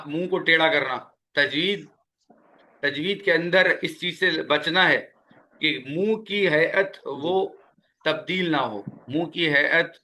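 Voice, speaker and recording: Guy teaching tajweed, kinda high and bright voice, says the sounds over and over slow and patient. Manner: patient, repeats key words slowly. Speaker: Quran recitation teacher. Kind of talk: spoken tajweed lesson.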